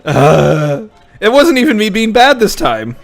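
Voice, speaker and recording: A man's voice: sits high, sing-song, unhurried, vocal fry. A man co-hosting a let's play, chatting casually, laughing often and slipping into mock-lecturing jargon. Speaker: co-host of a gaming let's play.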